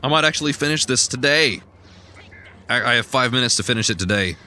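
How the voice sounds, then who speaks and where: A young man casually narrating a video game, rambling through a personal story with sudden loud outbursts. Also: medium pitch, fast, a little hiss or hum. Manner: rambling, chatty storytelling with bursts of loud excitement. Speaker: gaming streamer. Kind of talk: casual let's play commentary.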